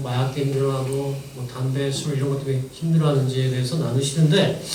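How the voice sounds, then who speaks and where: A man's voice: fairly high pitch, warm tone. A man giving a church testimony as a missionary, telling his story with strong emotion that rises and falls. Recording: echoey church hall from far off, faint noise.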